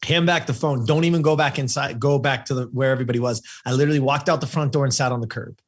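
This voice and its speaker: A man's voice: medium pitch, quick pace. A man in his fifties from California, a podcast guest telling a personal story with emphatic repetition. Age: 50s. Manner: animated storyteller who acts out the people he quotes.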